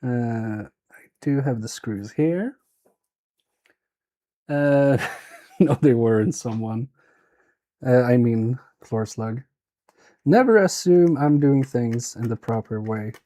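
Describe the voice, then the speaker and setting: With a warm, mid-range voice and a Swedish accent, a man talks slowly and pauses often as he repairs a toy live on stream. It's casual commentary, mostly him thinking aloud and muttering to himself.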